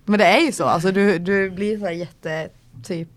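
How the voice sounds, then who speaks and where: A woman's voice: medium pitch, fairly even intonation. A young woman co-hosting a podcast who tells a story in teasing casual chat and laughs as she goes. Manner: teasing, laughs while telling. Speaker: podcast co-host.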